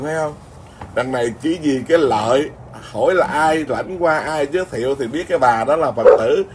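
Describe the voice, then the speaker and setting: A Buddhist monk, telling a story in an informal, rambling Dharma talk full of restarts. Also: male voice, mid-range voice, noisy background. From Vietnam.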